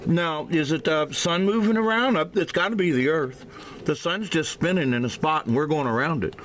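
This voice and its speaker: Filming himself at home beside a window, a man vlogs casually in a fairly high, fairly bright voice, slightly slurred because his mouth is swollen. He speaks haltingly and repeats himself often, and his handheld camera microphone picks up plenty of noise.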